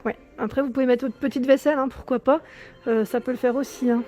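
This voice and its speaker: A woman's voice: sits high, steady tone, fast, dark tone. A woman with a southern French accent chatting enthusiastically through a furniture store walkthrough vlog, full of fillers, filmed indoors on a handheld phone. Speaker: home decor vlogger.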